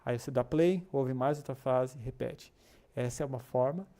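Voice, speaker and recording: Chatty man with a mellow voice. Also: medium pitch, normal speed. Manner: chatty, encouraging, many filler tags and restarts. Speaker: English class host for a developer community. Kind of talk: casual live-stream lesson reading chat comments.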